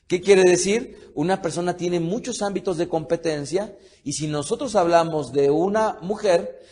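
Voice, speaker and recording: A man with a somewhat high voice gives a sermon-style Bible study. He talks to his listeners as beloved and has them repeat words back to him. He spells out and pronounces Hebrew words slowly and with care. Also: darkish tone. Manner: addresses listeners as beloved, leads repetition of words, frequent restarts. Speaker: teacher of a Torah study.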